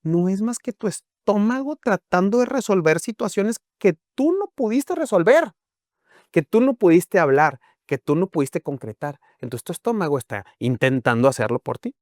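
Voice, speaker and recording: A man's voice: high voice, very animated, normal speed, a little mellow, dry recording, studio quality. A man, a guest on a talk show, explaining his views with acted-out examples and rhetorical questions. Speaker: guest speaker on emotions and health.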